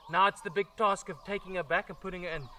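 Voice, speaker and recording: A chatty, excitable man talks through a wildlife vlog at an outdoor sanctuary. His voice sits high for a man, and faint birdsong and outdoor ambience drift behind him. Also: fast, slight background noise. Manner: enthusiastic, chatty, explaining as he handles a snake. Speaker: wildlife presenter.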